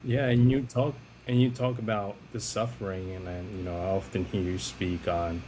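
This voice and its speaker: A man's voice: sits low, little pitch movement, normal speed, warm tone, slight background noise. A man hosting an interview, asking long, loosely built questions that wander before landing. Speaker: podcast host.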